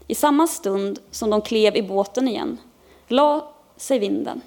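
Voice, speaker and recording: A woman pastor preaching in a church service, reading a children's Bible story aloud with expressive storytelling. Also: medium pitch. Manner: expressive storytelling, lifting her voice for characters' cries.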